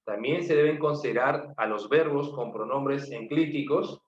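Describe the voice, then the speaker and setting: A man's voice: medium pitch, normal speed. A man with a Peruvian Spanish accent teaching a grammar class, asking students questions and listing examples. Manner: asks the class questions, repeats answers, lists examples. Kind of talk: online class lecture. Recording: muffled, echoey room, faint noise.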